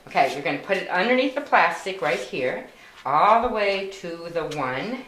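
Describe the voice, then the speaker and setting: Low-voiced lady explaining card making slowly, echoey room, bit of background hiss. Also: sing-song, fairly bright tone. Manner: patient, plain instructions with fillers. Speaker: volunteer instructor. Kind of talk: step-by-step craft demonstration. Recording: echoey room with faint noise.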